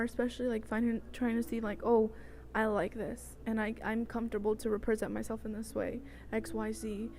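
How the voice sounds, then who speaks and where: In her twenties and from El Salvador, this vlogger recounts a personal story casually, wandering into side topics and frequently checking in with whoever's listening. Her voice runs on the high side and is a little mellow, and the homemade recording carries noticeable noise.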